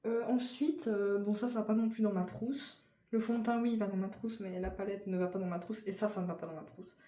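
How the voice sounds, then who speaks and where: A woman's voice: mid-range voice, steady tone, a little fast, dark tone. A young French woman with a French accent, chatting casually and informally in a vlog, full of fillers and restarts. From France. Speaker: vlogger. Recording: echoey room with faint noise.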